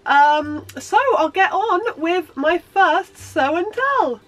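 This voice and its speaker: Very high-pitched, expressive, and slow, this woman's voice belongs to a sewing vlogger with a cold-blocked nose. She chats through a casual show-and-tell in a bubbly, meandering way, full of ums.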